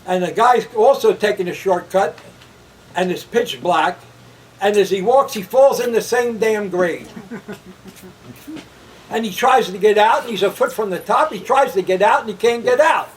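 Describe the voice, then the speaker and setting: A man with a high voice tells jokes casually at a family gathering and chuckles through his own setups. He is recorded from a little way off the mic. A faint hum of the room sits underneath. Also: normal speed, recorded from a distance, rough recording. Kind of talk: casual joke telling.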